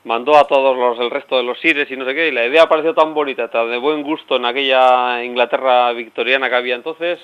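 Fast-talking man explaining on local radio. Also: mid-range voice, steady tone, clear, resonant tone. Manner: explanatory, rambling with restarts. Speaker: radio guest. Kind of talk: radio interview. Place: radio studio. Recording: dull lo-fi radio audio.

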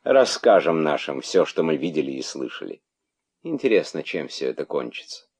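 A man voicing a mother monkey who talks in a stern, measured way. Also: a bass voice, sing-song, a little mellow, breathy edge, exaggerated voice. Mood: weary.

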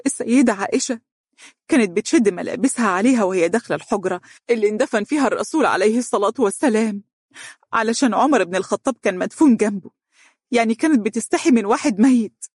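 Reader doing a tearful young Egyptian woman patient, high and strained, dry audiobook sound. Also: very fast, hardly any pauses, a little mellow, husky, dry recording, natural voice. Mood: distressed. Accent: Egyptian Arabic.

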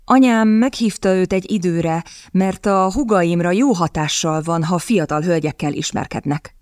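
A woman reading the part of a sulky, cowardly young gentleman who whines and stammers. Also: fairly low pitch, no echo, studio quality, natural voice. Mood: flustered. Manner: whiny, stammering.

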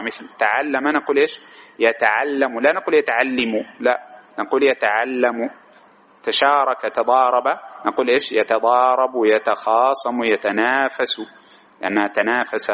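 A man teaching a grammar lesson. He keeps posing quick rhetorical questions to his students and then answering them himself. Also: mid-range voice, fairly bright tone, a little hiss or hum.

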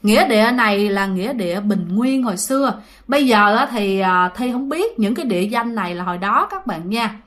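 Addressing her audience directly, this Southern Vietnamese-accented woman spins a ghost story in a chatty way. Her voice sits in the mid-range with a slightly bright tone.

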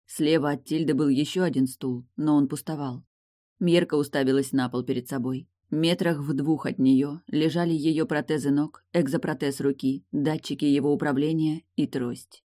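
Low-voiced woman reading an audiobook. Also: fairly even intonation, moderate pace, mellow, no room sound, studio quality. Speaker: audiobook reader. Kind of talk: audiobook narration.

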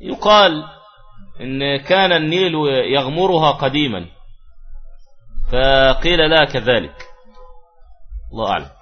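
A man's voice: mid-range voice, lively intonation, measured pace, pauses often. Man teaching Arabic grammar. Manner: explanatory, asks and answers his own questions. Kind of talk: classroom grammar lesson. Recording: dull lo-fi recording with faint music.

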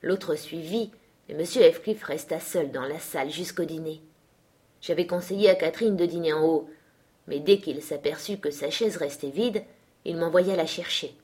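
A woman narrating a classic novel in a measured, even storytelling manner. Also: deep voice, slightly rough. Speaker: audiobook reader. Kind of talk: scripted narration.

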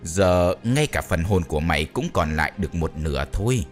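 A man's voice: deep voice, animated, moderate pace, soft background music, voice pushed down. A man voicing a scheming male sorcerer who keeps ghosts, talking in a scolding, grudging way.

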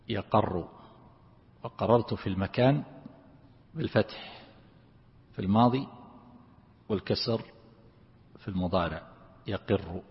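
A man teaching a lesson on Quran commentary, who explains slowly and repeats words to drill how their vowels are said. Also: lowish voice, creaky. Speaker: sheikh teaching Quran exegesis. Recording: lo-fi recording in a reverberant hall.

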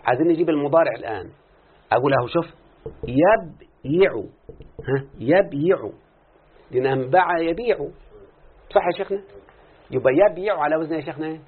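A man with an Egyptian Arabic accent teaches Arabic morphology, quizzing his students and drawing answers out of them as he explains the grammar. His voice is slightly high and a little rough, and he speaks in rapid bursts. The recording sounds tinny, like a phone.

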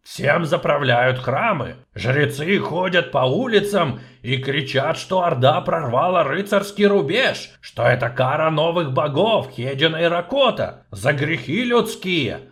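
A man voicing a blunt, hot-tempered dwarf who grumbles loudly and emphatically. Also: fairly high pitch, sing-song, unhurried, few pauses, pitched above the performer's own voice, full character voice. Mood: indignant.

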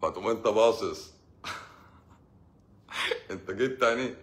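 A man's voice: on the low side, takes it slowly. A man with an Egyptian accent, a doctor hosting a casual live Q&A, sarcastic and joking as he acts out what his patients say. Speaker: doctor hosting a live stream answering comments.

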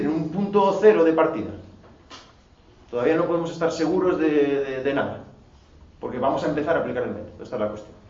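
A man teaching a philosophy class, lecturing with rhetorical questions and emphatic asides. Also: fairly high pitch. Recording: roomy, distant, dull, faint noise.

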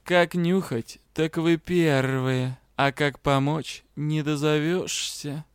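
A man's voice: a little high, fairly even intonation, slow pace, smooth, no echo, clean studio sound. A man voicing a flirtatious male dragon spirit in a cat's body, drawling and purring. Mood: grumbling.

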